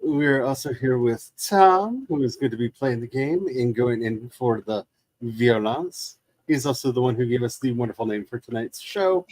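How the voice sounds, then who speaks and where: A man's voice: mid-range voice, no room sound, rough recording. A man hosting a casual gaming stream, chatting in wry, rambling asides. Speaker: livestream host. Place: room shared with second speaker.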